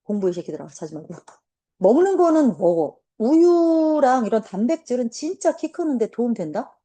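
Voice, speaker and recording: 활기차고 거침없이 떠드는 여자 선생님. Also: female voice, fairly high pitch, normal speed. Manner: blunt, animated storytelling with swearing. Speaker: teacher. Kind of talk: casual classroom talk.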